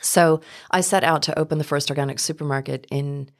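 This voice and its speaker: A woman's voice: deep voice, fairly even intonation, a little fast. A woman speaking as an interview guest, telling her own story in a reflective, conversational way. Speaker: interview guest, business founder.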